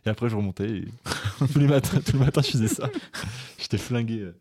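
A man's voice: lowish voice, fast talker, a little mellow, no echo, clean studio sound. A young man co-hosting a podcast, rambling through stories with lots of restarts and hesitations. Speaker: podcast co-host. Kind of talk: casual chat.

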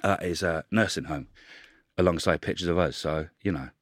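A man's voice: low voice, moderate pace, no room sound, clean studio sound. A man on a podcast panel, chatting casually and playing co-commentator on football.

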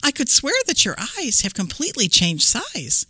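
Woman doing a high, eager little ninja girl. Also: wildly swooping pitch, normal speed, bright, forceful tone, slightly rough, dry recording, clean studio sound, exaggerated voice. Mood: puzzled. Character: plucky young girl ninja.

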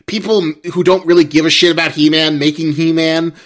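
A man's voice: on the high side, fairly even intonation, fairly quick. A man co-hosting a podcast, talking casually with lots of hesitations and fillers. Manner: hesitant, filler-heavy, wry. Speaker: podcast co-host. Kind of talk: casual chat.

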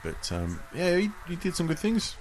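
A man's voice: high voice, wildly swooping pitch, moderate pace, darkish tone, slight background noise, rough recording. A man with an Australian accent in casual football commentary chat on a podcast. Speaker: sports podcast host.

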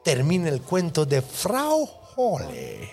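Faint music plays behind a young Mexican-accented podcast host whose voice is fairly high and slow. Chatting in a crude, slangy way, he animatedly retells a story and voices its characters' quotes.

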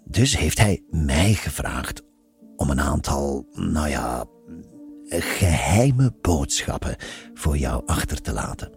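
A man's voice: very deep voice, animated, slow, creaky, soft background music, full character voice. A man voicing a playful, patient nun who teases knowingly. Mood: teasing. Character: teasing, patient older nun, woman.

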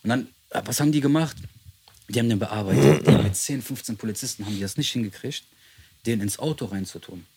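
A male podcast host rattles through a story at high speed, his voice husky and a little rough. He talks in street slang and keeps acting out the people in his story. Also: fast, a little mellow, no echo. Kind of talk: animated storytelling.

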